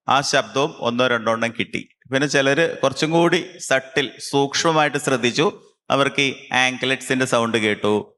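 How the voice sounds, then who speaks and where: A man, a camp instructor who leads a concentration exercise with slow, calm instructions and long pauses. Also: medium pitch.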